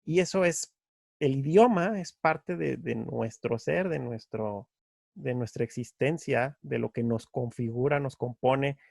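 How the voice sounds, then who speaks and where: A man hosting a casual conversation, friendly and a little hesitant, correcting himself as he speaks. His voice has a gravelly crackle and sounds dry and close to the microphone. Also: medium pitch, a little slow, a little mellow, dry recording. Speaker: podcast host.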